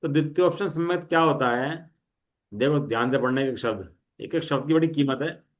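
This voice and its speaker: A middle-aged man teaching a study class, reading definitions slowly and asking students to check their understanding. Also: on the high side.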